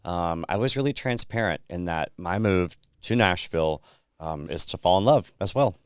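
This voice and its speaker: Deep smooth-voiced guy from south carolina, chatting easy and candid on a podcast. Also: animated, moderate pace, no room sound, studio quality. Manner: easygoing, candid storyteller. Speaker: podcast guest, PR firm founder. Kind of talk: casual chat.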